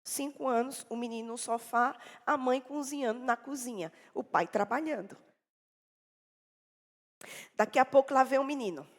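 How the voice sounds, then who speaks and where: A woman preacher giving a sermon in a church, telling a story dramatically and swinging between loud and hushed delivery. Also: high-pitched, moderate pace, long pauses. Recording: echoey church hall.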